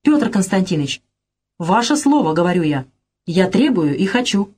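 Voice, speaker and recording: A woman reading as a proud, scheming gentleman. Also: lowish voice, big pitch swings, moderate pace, breathy edge. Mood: indignant. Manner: haughty, insistent.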